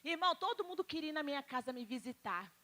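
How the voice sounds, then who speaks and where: A woman's voice: high voice, big pitch swings, fast talker, pushed and bright. A woman with a Brazilian Portuguese accent giving an emotional church testimony, speaking to the congregation as brothers and sisters.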